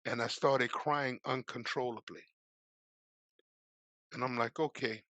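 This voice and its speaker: A middle-aged man, a preacher appearing as a guest, telling a personal story with lively energy and moving into a preaching cadence. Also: medium pitch, slow, dry recording. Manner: lively, acts out the voices in his stories.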